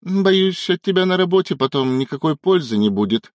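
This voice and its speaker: A man's voice: fairly high pitch, lively intonation, normal speed, no echo, studio quality, voice pushed up, lightly acted. A man voicing a playful young woman who teases her partner, lifting his voice well above his own. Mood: teasing. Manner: teasing, laughing.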